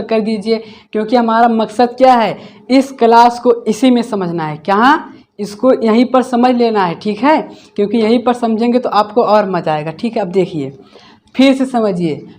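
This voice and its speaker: A man with a very high-pitched, darkish voice teaches an English grammar class, explaining slowly and step by step. He poses each question and then repeats the answer himself.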